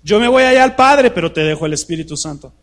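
Male preacher, light high voice, chatty sermon style, keeps asking the room questions. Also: expressive, fast, fairly bright tone. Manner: conversational preaching full of rhetorical questions to the congregation. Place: church hall with a live congregation.

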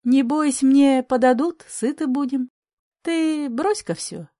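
A woman reading an audiobook, voicing a kind old grandmother who speaks softly and earnestly. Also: high voice, takes it slowly, dry recording, clean studio sound. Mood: pleading. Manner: soft and earnest.

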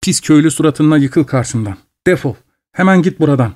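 A man's voice: a little high, expressive, brisk, a little mellow, pitched above the performer's own voice. A man doing a haughty, angry landlady. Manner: imperious, scolding. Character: haughty, angry female estate owner.

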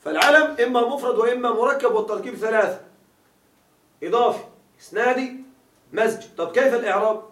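A man's voice: very high-pitched, fast talker, long pauses, a bit bright. A man teaching a grammar class, quizzing his students with repeated questions as he explains. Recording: echoey room, mic far off.

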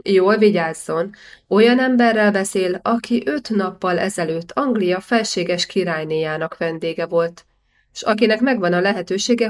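A woman's voice: medium pitch, natural voice. Woman reading as an indignant young man. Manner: cutting, righteous rebuke.

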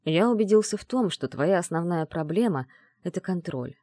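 A man voicing an arrogant male mage mentor who taunts in a calm, low, mocking tone, in an audiobook. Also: normal speed, no echo, studio quality. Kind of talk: audiobook dialogue reading.

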